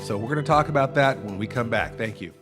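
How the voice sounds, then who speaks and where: A male podcast host in casual comedic chat, rambling along and tripping over his words as he restarts sentences. His voice sits at an ordinary pitch, and a little music plays faintly underneath. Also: fast talker. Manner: rambling, stammers and restarts often.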